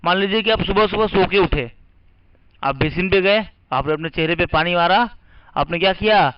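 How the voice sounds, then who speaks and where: A man's voice: high-pitched, moderate pace, clear, resonant tone. A man teaching English vocabulary, spelling words letter by letter and asking and answering his own questions. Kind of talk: vocabulary lesson. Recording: muffled lo-fi recording.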